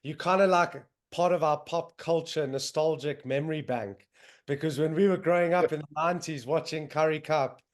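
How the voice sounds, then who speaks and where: Calling in by video from home in northern England, a young South African-accented podcast host speaks at normal speed in a voice on the high side. His casual conversation is loose and enthusiastic, with plenty of fillers.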